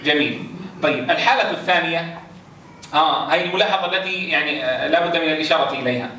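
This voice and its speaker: A man's voice: a little high, fast, bright, forceful tone, slight background noise. A man teaching Quran recitation rules to a class, quizzing his students and chanting verse examples. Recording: roomy echo, distant mic.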